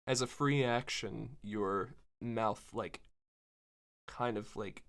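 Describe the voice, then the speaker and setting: A man narrating as game master of a tabletop game, describing the action with many pauses and fillers. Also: fairly low pitch, a bit bright.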